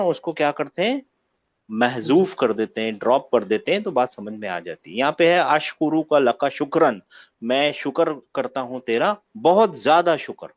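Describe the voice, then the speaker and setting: A man's voice: mid-range voice, lively intonation, moderate pace. A man teaching an online grammar class, often asking his students to confirm they follow. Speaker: Arabic teacher. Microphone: video call. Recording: muffled lo-fi call audio.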